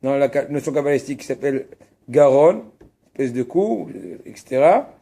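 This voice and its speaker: A man's voice: medium pitch, expressive, normal speed, warm tone. A man rabbi teaching a religious text, asking and answering his own questions and stressing Hebrew terms. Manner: casual asides to students.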